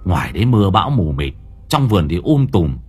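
A man doing a gruff village husband, husky voice, irritable and scolding, horror audiobook. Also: low-pitched, big pitch swings, measured pace, soft background music, exaggerated voice. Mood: grumpy scolding.

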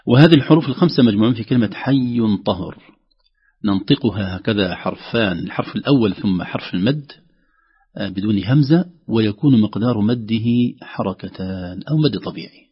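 Husky guy giving a tajweed lesson, stretches sounds out to show them, dull lo-fi radio sound. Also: lowish voice, expressive, brisk. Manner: explains step by step and drags out sounds to demonstrate. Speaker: Quran recitation teacher.

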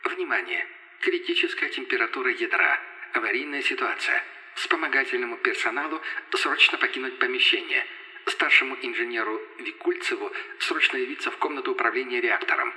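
Flat, bright machine alarm announcer on echoey loudspeakers, voiced by a man. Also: mid-range voice, brisk. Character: artificial alarm voice from speakers, cold, repetitive. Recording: echoey hall reverb.

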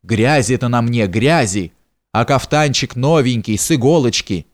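A man's voice: mid-range voice, measured pace, natural voice. A man doing a panicky cowardly young prince. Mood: panicked. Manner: breathless, stammering, frantic. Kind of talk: audiobook character reading.

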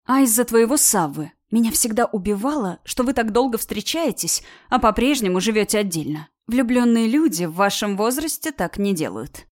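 A woman's voice: on the high side, expressive, moderate pace, few pauses, lightly acted. A woman reading an audiobook, voicing a bold young woman who talks with sarcasm and indignant emphasis. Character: bold, sharp-tongued young woman friend. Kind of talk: audiobook character voice.

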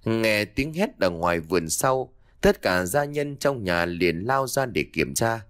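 Low-voiced man narrating a dark tale. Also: sing-song, a little slow, no room sound, studio quality. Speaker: audiobook narrator. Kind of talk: dramatic story narration.

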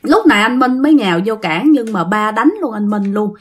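Animated Southern Vietnamese woman storyteller. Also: medium pitch, brisk, slightly rough. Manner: animated, dramatic exclamations. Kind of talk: casual spoken storytelling to listeners.

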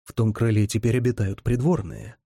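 A reserved young ruler with a dark, husky voice and curt, dry lines, as a man reads him. The sound is close and dry, with no room around it. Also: fairly low pitch, a little fast, no room sound. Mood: guarded. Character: young male ruler, guarded and dry-humored. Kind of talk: audiobook character reading.

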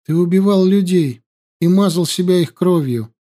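A man voicing a young princess who accuses and weeps, her voice raised high and pleading. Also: moderate pace, warm tone, lightly acted. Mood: accusing. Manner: accusing, tearful, high-pitched. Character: young grieving furious princess woman.

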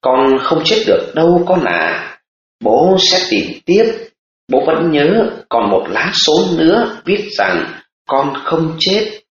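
A man playing an anguished, loving father who comforts his daughter in a gentle, choked voice. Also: on the high side, very animated, takes it slowly, a little hiss or hum, pitched above the performer's own voice. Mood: soothing. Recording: echoey, dull audiobook recording.

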